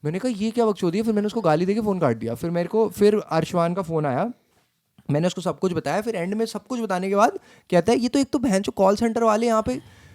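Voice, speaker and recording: A man's voice: high-pitched, lively intonation, quick pace, darkish tone. A young Indian man co-hosting a podcast, telling a story in a heated, profane rant that mixes Hindi and English. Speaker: podcast co-host.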